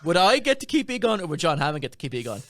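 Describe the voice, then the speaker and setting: A man's voice: a little high, very animated, very fast. Playful man playing devil's advocate. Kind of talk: casual panel chat.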